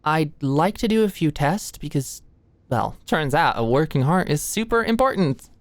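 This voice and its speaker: A young woman takes on the role of an awkward, anxious female medical student for an intimate ASMR roleplay told as scripted one-sided dialogue. She sits low in pitch and sounds expressive at normal speed, nervous and careful, stammering hesitantly while softly attentive. The close studio-style mic is dry, with no room sound.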